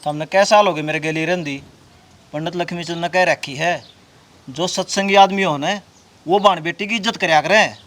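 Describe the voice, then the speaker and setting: A man's voice: fairly high pitch, normal speed, fairly bright tone, close to an everyday voice. A man playing a proud old Haryanvi village father. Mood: wounded. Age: older. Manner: lecturing, wounded pride. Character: older village father-in-law, proud and pious.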